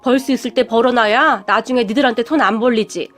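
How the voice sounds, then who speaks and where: A woman's voice: fairly high pitch, fast talker, soft background music, lightly acted. A woman voicing a weary, proud middle-aged mother who works as a housekeeper, talking in a stubborn, sighing way.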